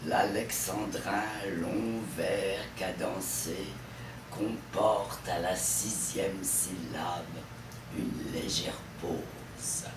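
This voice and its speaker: Slow, lively-voiced male lecturer. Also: fairly low pitch, slight background noise. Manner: expressive, theatrical delivery. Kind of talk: lecture on French verse. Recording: distant mic in an echoey room.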